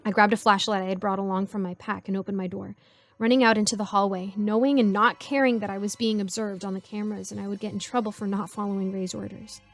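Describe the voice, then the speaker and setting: A woman narrating a first-person horror story in a measured, suspenseful way. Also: mid-range voice, steady tone, soft background music.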